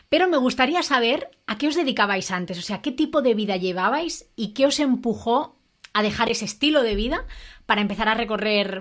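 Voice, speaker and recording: A woman's voice: mid-range voice, a bit bright. A woman hosting an interview podcast, friendly and upbeat as she introduces the guest and asks questions. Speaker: podcast host.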